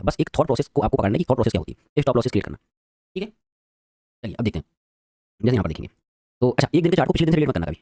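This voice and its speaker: A man teaching a live trading lesson, quizzing his viewers and talking very quickly. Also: mid-range voice, dark tone, dry recording, studio quality.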